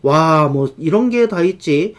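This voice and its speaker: Brief: higher-voiced male grammar teacher, lively, drags out the examples. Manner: lively explainer, slows right down to spell out English examples. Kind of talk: online grammar lesson.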